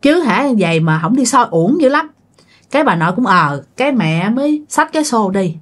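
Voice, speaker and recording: A woman's voice: on the high side, sing-song, normal speed. A woman telling a ghost story in a casual, chatty way, often speaking straight to her listeners. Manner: chatty, addresses listeners directly.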